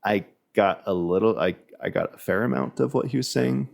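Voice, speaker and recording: A man's voice: on the low side, brisk, vocal fry. A man speaking as a podcast guest in a loose, rambling way, restarting his sentences and leaning on fillers. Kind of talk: casual podcast chat.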